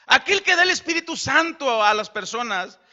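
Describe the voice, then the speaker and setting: Pastor preaching, lively swooping voice, really bright, dull lo-fi recording. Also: male voice, extremely high pitch, normal speed. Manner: animated, acts out dialogue. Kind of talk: sermon.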